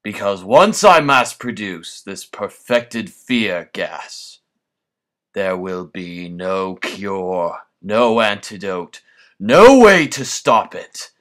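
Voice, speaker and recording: A man's voice: low-pitched, fairly bright tone, heavily acted. A man voicing a menacing scarecrow villain, a sadistic, grandiose mad scientist delivering a theatrical, pompous monologue. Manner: menacing scarecrow voice, slow, pompous, florid and deliberate.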